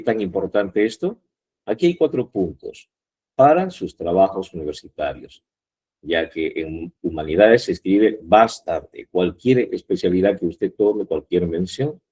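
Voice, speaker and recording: A man's voice: sits low, animated, measured pace, warm tone, breathy edge. A man teaching a university grammar class, explaining patiently, repeating points and checking the students follow. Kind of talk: online class lecture.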